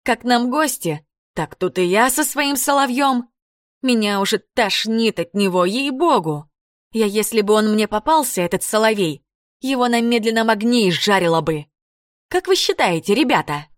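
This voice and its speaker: Brief: a woman playing a cheeky teen girl, raised pitch, loud and blunt, dry close sound. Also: big pitch swings, unhurried, dry recording. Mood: brash. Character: brash, mocking teenage girl pianist.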